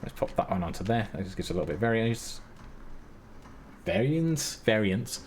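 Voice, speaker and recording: Over his own background music, a British streamer talks himself through a building game in a casual mutter, poking fun at himself along the way. The voice sits fairly low and is very animated, at a moderate pace, with slight background noise.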